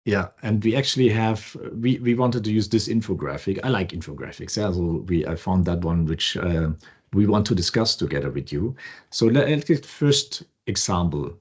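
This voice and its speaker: A man co-hosting a podcast, casually walking through a software demo with loose, restarting phrasing. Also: low voice, moderate pace, breathy edge. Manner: relaxed, loose, restarts often. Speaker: co-host.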